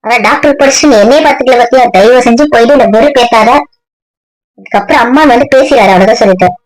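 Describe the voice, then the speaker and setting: A woman's voice: fairly high pitch, fast, close to an everyday voice, low-quality recording. A woman playing a sick, resentful middle-aged mother who scolds bitterly in a scripted comedy skit.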